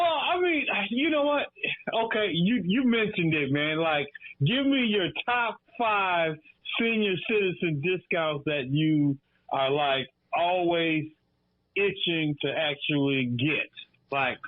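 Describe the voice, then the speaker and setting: Fairly high-pitched and expressive, a man in his fifties from Detroit talks unhurriedly as a laid-back radio guest, tossing "man" into almost every sentence. The phone-line recording has no echo.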